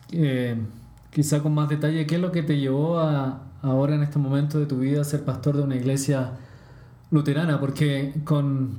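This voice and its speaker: A man's voice: a little high, warm tone, roomy sound. A man interviewing a former classmate in a friendly, curious way. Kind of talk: casual interview.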